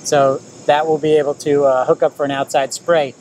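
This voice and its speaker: A man's voice: on the high side, flat delivery, moderate pace, a little mellow, a little hiss or hum. A man in his fifties presenting an informal walk-through product tour, explaining and pointing things out as he moves around. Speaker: presenter of a camper trailer tour. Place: at an outdoor RV display, in and around a small trailer.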